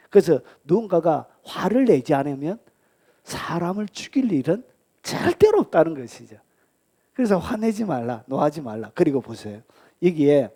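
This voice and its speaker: A male pastor with a Gyeongsang accent preaching a sermon, asking the congregation questions and answering them himself, acting out angry outbursts and dropping at times to a whisper. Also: on the high side. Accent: Gyeongsang Korean. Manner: acts out angry outbursts, shifts between loud and whispered lines.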